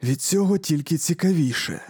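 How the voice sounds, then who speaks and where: A grim, calm male space warrior leader, as a man reads him in an audiobook. His speech is cold and even, with a dark, warm tone and a slightly raised pitch. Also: normal speed, husky, no room sound, clean studio sound.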